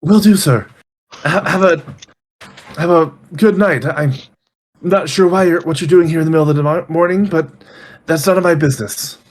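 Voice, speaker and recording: A man's voice: on the high side, moderate pace, pauses often, voice pushed up, close to an everyday voice. A man voicing a deferential male night-shift servant at a manor, hesitant and calling his master sir.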